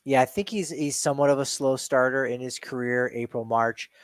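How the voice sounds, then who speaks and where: A man's voice: mid-range voice, fairly even intonation, a little fast, no room sound. A man co-hosting a sports talk show, rambling through stats with many restarts and self-corrections. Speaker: podcast co-host.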